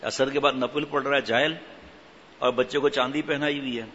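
A male preacher telling stories in a sermon, animated and humorous while stressing strict religious rulings. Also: medium pitch, slight background noise. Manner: animated, mixes humour with stern religious rulings. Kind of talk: storytelling sermon. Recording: reverberant hall, dull lo-fi sound.

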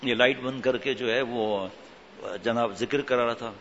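A male preacher telling stories in a sermon, animated and humorous while stressing strict religious rulings. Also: mid-range voice, a little hiss or hum. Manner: animated, mixes humour with stern religious rulings. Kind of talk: storytelling sermon. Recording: reverberant hall, dull lo-fi sound.

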